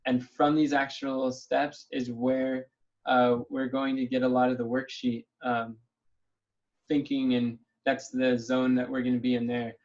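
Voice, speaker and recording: A man runs a relaxed planning session over a video call, thinking out loud in an upbeat, easygoing way. His voice sits at an ordinary middle pitch. The call audio is dull and lo-fi. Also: a little slow. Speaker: meeting leader.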